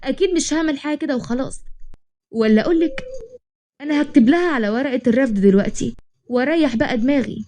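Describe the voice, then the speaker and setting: A woman voicing a confident, teasing young male boss, speaking with an Egyptian accent in a quick, storybook reading. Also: sits high, warm tone, close to an everyday voice. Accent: Egyptian Arabic. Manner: bargaining, teasing, then commanding.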